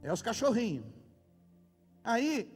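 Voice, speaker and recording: Brief: Brazilian male pastor, high voice, emphatic sermon, long hall reverb. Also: very animated, takes it slowly, husky. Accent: Brazilian Portuguese. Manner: emphatic preaching with sudden loud outbursts. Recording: reverberant hall with faint music. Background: faint music.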